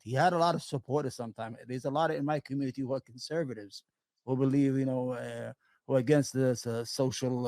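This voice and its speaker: A man hosts a casual political interview. He rambles and speaks with emphasis, often restarting his sentences, in a fairly high voice. The recording is close and dry, with no room sound. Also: darkish tone, no echo. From Brooklyn, New York. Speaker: show host.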